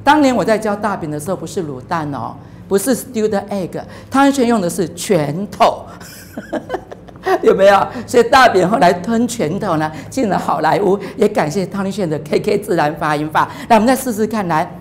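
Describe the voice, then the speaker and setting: A cheerful woman in her forties leads a televised phonics class, her voice sitting at an ordinary middle pitch. She stretches out each vowel in repeated drills and keeps piling on praise. English words keep slipping into her sentences. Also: lively intonation, a little hiss or hum. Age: 40s. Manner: upbeat, praising, models sounds in drawn-out repeats; mixes English words into the talk. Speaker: English teacher.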